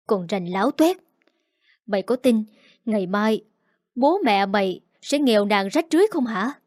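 A woman's voice: medium pitch, expressive, moderate pace, a little mellow, no room sound, clean studio sound, close to an everyday voice. A woman voicing a domineering, scheming middle-aged mother-in-law who talks in a harsh, scolding, contemptuous way. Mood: menacing.

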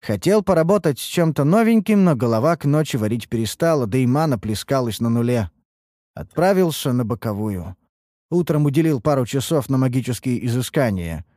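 A man reading a first-person fantasy audiobook in an expressive, wry manner. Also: mid-range voice, brisk, dry recording, clean studio sound. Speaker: audiobook narrator.

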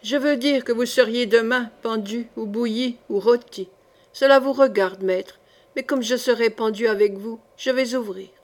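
A woman's voice: a little high, moderate pace, natural voice. A woman reading an audiobook, voicing a grim servant woman who speaks with cold, mournful irony. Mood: ironic.

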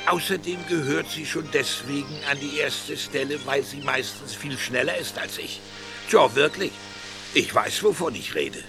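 A man's voice: on the high side, normal speed, natural voice. Käpt'n Blaubär, old boastful bear captain, played by a man. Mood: rueful. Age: older. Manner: boastful, rambling tall-tale teller. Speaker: narrator and grandfather. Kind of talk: children's audio play narration. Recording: loud background music. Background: music.

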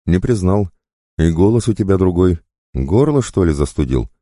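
Man playing a wily male rogue for an audiobook, higher and teasing, fake-cheerful, very dry close sound. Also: sing-song, normal speed, warm tone, dry recording. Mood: jaunty teasing.

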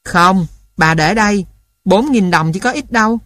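A woman voicing a kind, forgiving old grandmother in a storybook audiobook, speaking softly and patiently. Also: medium pitch, unhurried, no echo, natural voice. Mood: worried.

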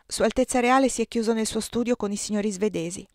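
A woman's voice: a little high, fast, no echo, studio quality, lightly acted. A woman reading the part of a fawning, formal court lady-in-waiting. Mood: courtly. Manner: formal, insinuating.

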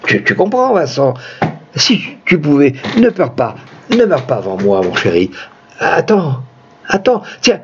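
A man reading aloud and voicing a dying old woman who tenderly and resolutely pleads with her husband, her lines pitched well above his own voice. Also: a little mellow, slightly rough, dull audio, full character voice.

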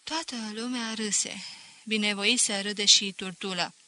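A woman narrating a novel as an audiobook in a measured, expressive reading. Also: medium pitch. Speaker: audiobook reader.

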